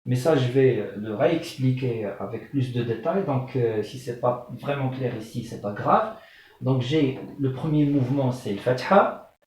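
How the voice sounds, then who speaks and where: A man's voice: medium pitch, a little mellow, far from the mic. A man teaching the alphabet in French, patiently repeating terms and checking understanding with the class. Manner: patient, repeats terms slowly, frequent "euh" and "d'accord?". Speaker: Arabic teacher. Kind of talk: classroom lesson explaining the alphabet. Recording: very echoey room, voice off-mic.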